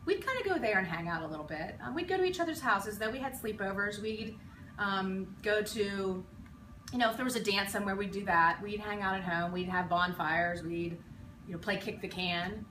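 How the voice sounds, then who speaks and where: A woman's voice: mid-range voice, moderate pace. A woman in her forties from western Pennsylvania, a teacher looking back on her school years in a casual interview, reflective and rambling with many ums and restarts. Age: 40s. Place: school building. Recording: echoey room, mic far off, noisy.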